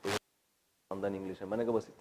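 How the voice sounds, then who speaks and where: A middle-aged man, teaching Quranic Arabic grammar. He spells out word forms slowly, repeats them, and drops in joking asides. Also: sits low, little pitch movement, background noise. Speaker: religious teacher.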